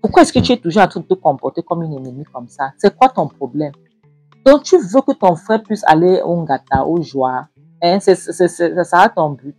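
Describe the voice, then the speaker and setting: Woman doing a bossy scheming mom, low husky voice, scolding. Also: lively intonation, normal speed, darkish tone, no room sound, faint music behind, full character voice. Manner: scolding, insistent. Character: scolding middle-aged mother, stubborn and scheming.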